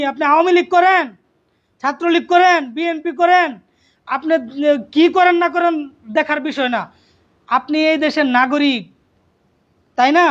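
A man's voice: extremely high pitch, fairly bright tone. A man making an impassioned public appeal, pleading and repeating phrases, full of rhetorical questions. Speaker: activist. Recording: dull lo-fi sound.

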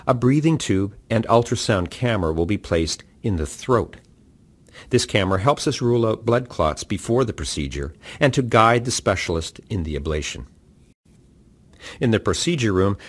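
A man giving calm, measured scripted narration for a patient orientation video. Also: fairly low pitch. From Canada. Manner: calm, measured instructional delivery.

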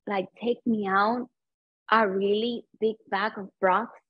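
A woman, talking slowly and earnestly in an interview, often stopping and searching for words. The recording is dry and a little dull. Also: medium pitch, steady tone, breathy edge, no echo. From Cuba. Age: 30s. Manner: earnest, halting non-native English with many fillers. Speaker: guest. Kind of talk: personal storytelling interview.

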